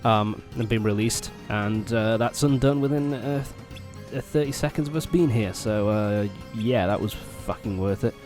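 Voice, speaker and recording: A young man with a fairly low voice hosts a let's play, rambling and swearing casually through gameplay commentary as he gets over a cold. He talks at normal speed with few pauses, and loud game music plays behind him.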